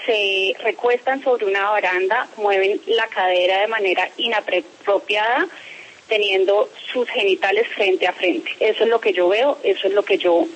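A woman's voice: mid-range voice, husky, muffled recording. A woman being interviewed by phone about a complaint, speaking firmly and formally. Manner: firm, insistent, formal. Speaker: interviewee, parent making a complaint.

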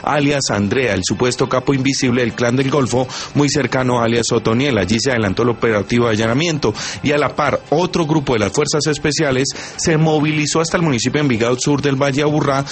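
Mid-pitched male news reporter. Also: fast talker, few pauses.

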